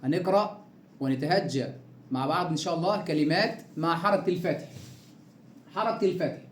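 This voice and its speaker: A man's voice: on the high side, a little fast, echoey room, slight background noise. A man with an Egyptian Arabic accent teaching a beginners' reading lesson, spelling out words syllable by syllable with patient repetition.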